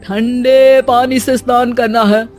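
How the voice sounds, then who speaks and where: A woman's voice: on the high side, steady tone, slow pace, over music. A woman voicing a smug fake holy man in a cartoon, pronouncing remedies pompously.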